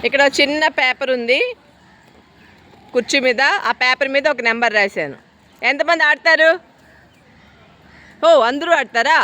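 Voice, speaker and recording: A woman teacher running a number guessing game with her pupils outdoors, giving brisk commands and mixing in English phrases. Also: sits high, sharp tone. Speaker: school teacher.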